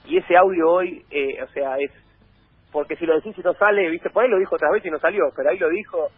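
Husky fast-talking Argentine man. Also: on the high side, dry recording. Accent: Argentine Spanish. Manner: rambling anecdotes with many restarts. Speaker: guest. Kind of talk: casual chat. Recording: dry phone-like sound.

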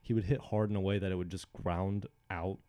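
A young man in casual chat, telling a story with energy and acting out the shouts. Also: low-pitched, fairly quick. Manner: animated storyteller, acts out shouts.

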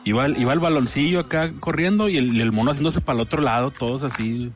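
A Mexican man with an average-pitched voice tells anecdotes in casual chat. His manner is joking, slangy and bro-like, with light music in the background. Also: quick pace.

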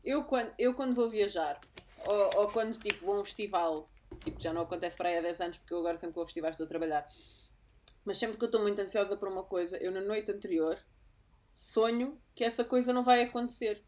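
A woman's voice: mid-range voice, fast talker, a little mellow. A young woman with a European Portuguese accent in casual podcast chat, opinionated and slangy, slipping into English. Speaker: podcast co-host.

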